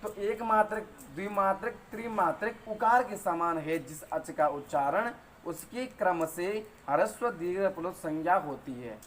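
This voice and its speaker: A man's voice: high voice, a bit bright. Patient Hindi-speaking man teaching grammar. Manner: patient, repeats terms and counts out vowels slowly. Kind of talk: spoken lesson, explaining sutras.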